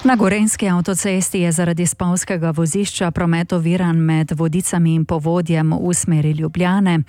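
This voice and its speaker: A woman with a lowish, mellow voice reads a radio traffic bulletin in an even, measured way. The recording is dry and close, as in a studio. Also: no echo. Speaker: traffic reporter.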